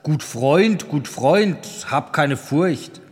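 A man's voice: on the high side, animated, drawn-out words, a little mellow, big-room sound. A man voicing the friendly leader of a band of horsemen, speaking in a soothing, reassuring way. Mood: calling out.

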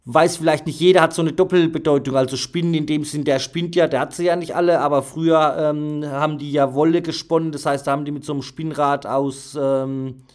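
A man's voice: on the high side, steady tone, a little fast, few pauses. A man reading a story aloud, breaking off for casual, rambling explanations with fillers. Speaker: audiobook reader.

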